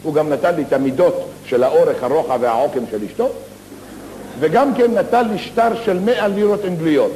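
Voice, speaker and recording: A man spins comic tales on a theater stage, animated and full of slangy asides. His voice sits fairly high. The live recording carries a long, echoing hall reverb and faint background noise. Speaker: stage comedian. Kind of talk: theatrical comic storytelling monologue.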